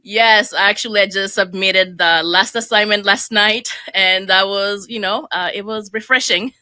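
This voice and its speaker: Bright-voiced woman guest, chatty. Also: medium pitch, steady tone, a little slow, clean tone, no room sound. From Burundi, raised in Kenya. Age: 30s. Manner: chatty, laughs easily, uses "like" often. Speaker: podcast guest. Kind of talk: casual interview.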